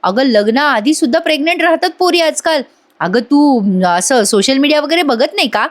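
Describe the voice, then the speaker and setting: A woman's voice: high-pitched, lively intonation, moderate pace. A woman voicing a modern young daughter who coaxes and explains with impatience. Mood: exasperated. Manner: coaxing, exasperated.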